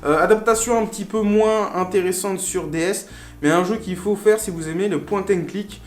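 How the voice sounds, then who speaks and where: A man who collects retro games hosts a casual unboxing video, chatting playfully with lots of fillers and asides. His voice is high and his speed normal, and the recording has a roomy echo with faint music.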